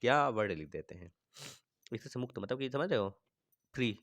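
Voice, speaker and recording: A male teacher with a north Indian accent, recorded close with a dry sound, works through grammar questions. His voice sits at an ordinary middle pitch. He repeats each sentence slowly and keeps asking his viewers what they think. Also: animated, a bit bright, dry recording. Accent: Hindi-speaking north Indian. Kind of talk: exam-prep grammar lesson.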